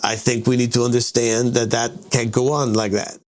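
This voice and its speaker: A man's voice: mid-range voice, level tone, normal speed. A man being interviewed as a guest author, explaining his ideas at length and often repeating himself and checking in with "all right?". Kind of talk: conversational interview answers.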